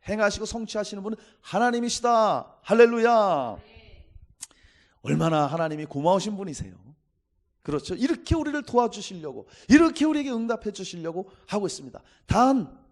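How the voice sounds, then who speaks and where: A middle-aged man preaching a sermon as pastor, emphatic, calling out hallelujah and acting out biblical voices. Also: high voice.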